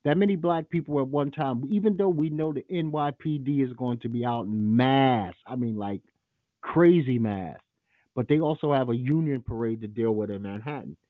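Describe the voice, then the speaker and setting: A man's voice: medium pitch, moderate pace, dry recording. Guy hosting a call-in show, blunt and cussing, tinny dry phone-like sound. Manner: blunt, profane and opinionated. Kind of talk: casual call-in radio talk.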